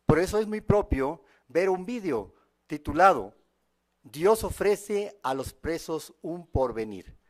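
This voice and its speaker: A man with a slightly raised pitch presents at a congregation meeting. He cites scripture in a measured, formal way before introducing a video. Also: animated.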